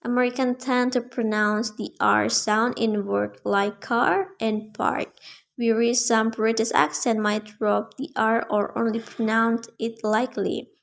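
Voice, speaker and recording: A young woman student giving a prepared class presentation, reading in a careful, measured way with small slips. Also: a little high, steady tone, vocal fry. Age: young adult.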